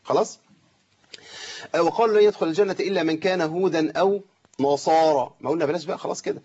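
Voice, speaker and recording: A man with an Egyptian accent teaching Quran recitation, correcting students and slowly drawing out the recited words. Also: a little high, darkish tone, husky, dull audio. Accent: Egyptian Arabic. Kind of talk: tajweed lesson with recited examples.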